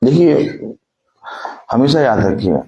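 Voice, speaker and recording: A man's voice: medium pitch, big pitch swings, takes it slowly, dark tone, lo-fi sound. A male preacher delivering a sermon, repeatedly putting rhetorical questions to his congregation and drawing call-and-response answers.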